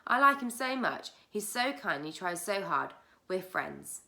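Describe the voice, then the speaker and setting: A woman's voice: medium pitch, big pitch swings, unhurried, sharp tone, pitched above the performer's own voice, heavily acted. A woman voicing an earnest, heartfelt schoolgirl, read from a storybook.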